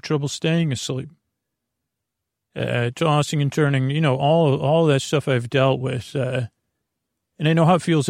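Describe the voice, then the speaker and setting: A man's creaky, gravelly mid-range voice has a darkish tone, captured in clean studio sound without room sound. Hosting a bedtime podcast, he rambles to listeners in a meandering, hesitant, self-mocking monologue that drifts off on tangents.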